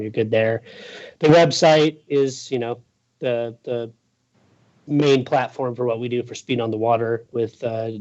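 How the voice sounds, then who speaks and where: In dull-sounding audio, a man who writes boating news chats as an interview guest in a casual, informal way, wandering a bit as he talks. His voice has a medium pitch and a darkish tone.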